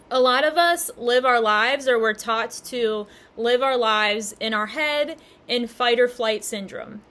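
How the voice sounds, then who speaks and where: A young woman casually teaching about spirituality to her channel viewers, upbeat and often laughing as she talks. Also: fairly high pitch. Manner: warm, giggly, upbeat with frequent laughter.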